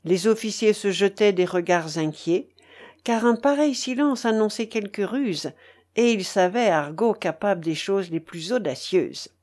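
A woman reading a story aloud as an audiobook narrator, in a measured, dramatic way. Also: mid-range voice, a little mellow.

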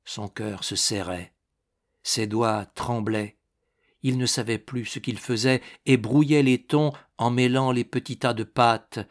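A man narrating a classic novel as an audiobook, in a measured, expressive reading voice. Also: mid-range voice.

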